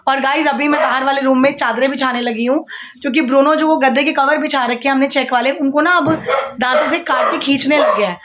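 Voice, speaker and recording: Talking fast in a high, slightly bright voice, this vlogger in her thirties goes about cooking and chores in her kitchen and rooms at home with her phone in hand. Her casual daily-vlog chatter mixes in English words, and she gets louder to be heard over a barking dog.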